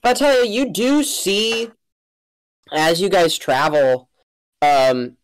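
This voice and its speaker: A woman narrating a tabletop game as game master, casual and halting as she thinks aloud. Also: fairly low pitch, sing-song, poor audio.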